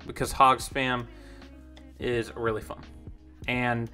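A man's voice: mid-range voice, little pitch movement, takes it slowly, bright, forceful tone, faint music behind. A young man giving rambling, casual commentary over his own gameplay, easily confused and self-deprecating. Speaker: gaming YouTuber.

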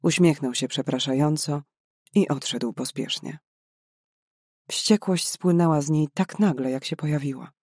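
A man narrating a novel in a measured, dramatic way. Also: on the high side, darkish tone, no echo, clean studio sound. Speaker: audiobook narrator. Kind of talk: scripted narration.

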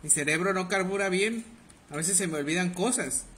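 A man's voice: high voice, normal speed, a bit bright, slight background noise. A young man with a Mexican Spanish accent giving crude, joking live commentary while playing a game and bantering with his chat. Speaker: livestreamer. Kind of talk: casual live gameplay commentary.

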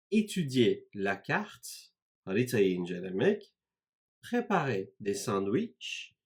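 Slow, lively-pitched man teaching grammar. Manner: slow, deliberate, repeats phrases. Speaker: French teacher. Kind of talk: grammar lesson walkthrough.

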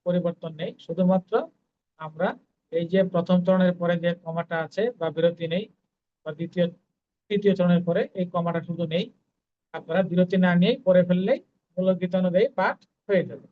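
A teacher giving a pronunciation lesson, stretching out each syllable as he chants verses, then explaining quickly. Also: mid-range voice, fairly even intonation, phone-quality sound. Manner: drawn-out slow syllables when chanting, brisk explanations between. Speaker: Gita recitation teacher.

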